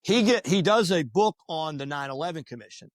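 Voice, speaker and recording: A man with a somewhat high voice spins stories in a relaxed podcast chat. He talks with animation and slips into quick character voices for the people in his tales. The sound is close and dry. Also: no echo. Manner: animated, acts out quoted voices. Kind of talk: casual podcast storytelling.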